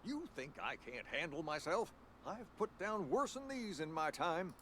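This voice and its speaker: An actor playing a cantankerous, proud old shopkeeper in a video game, blustering in a folksy rural American accent. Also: male voice, on the high side, big pitch swings, moderate pace, fairly bright tone, a little hiss or hum. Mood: indignant. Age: older. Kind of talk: video game character acting.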